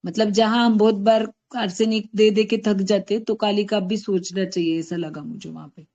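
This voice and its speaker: A woman's voice: mid-range voice, fairly even intonation, moderate pace, dark tone, highs cut off. A woman from Maharashtra, a homeopathic doctor, presenting a patient case in an online discussion, explaining her reasoning thoughtfully and correcting herself as she goes. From Maharashtra, India.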